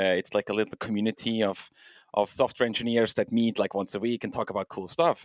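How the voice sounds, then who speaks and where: A middle-aged man with a lowish voice speaks as a guest. He talks in a loose, thoughtful way, full of ums and restarts. The recording is close and dry. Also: dry recording. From Switzerland. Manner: thoughtful, loose phrasing with many fillers. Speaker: guest, software engineer and home miner. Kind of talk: casual interview talk.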